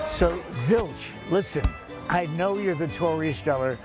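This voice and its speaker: Jokey male TV presenter, higher pitch. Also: measured pace. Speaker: TV presenter and interviewer. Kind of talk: light on-location interviewing and narration. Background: music.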